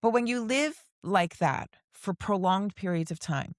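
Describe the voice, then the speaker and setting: A woman's voice: medium pitch, animated, measured pace, no echo, studio quality. A woman hosting a podcast interview, enthusiastic and welcoming as she asks questions. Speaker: podcast host.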